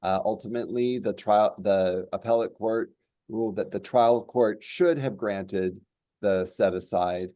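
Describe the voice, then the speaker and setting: A man who is a judge, speaking on a panel in a measured, halting way with many fillers. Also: fairly low pitch, dark tone, dry recording. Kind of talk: panel discussion remarks.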